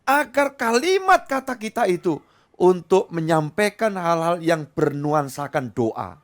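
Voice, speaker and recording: A middle-aged pastor delivers a sermon. His pitch leaps and drops constantly, from loud high bursts to quiet low asides. He slips into other voices as he tells his stories. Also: sing-song, unhurried.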